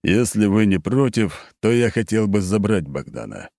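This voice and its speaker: A male audiobook reader voicing a stern, grieving head of a noble clan in a steely, measured tone. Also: on the low side, very animated, gravelly, warm tone, no room sound, studio quality, voice pushed up. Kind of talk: audiobook character reading.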